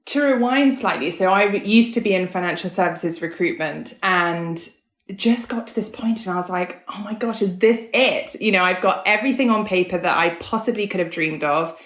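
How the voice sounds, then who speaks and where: Appearing as a podcast guest, a woman in her thirties or forties, born in the US and raised in Hong Kong, tells her story candidly and casually. Her lowish voice has a fairly bright tone and a moderate pace, and the recording sounds roomy and echoey.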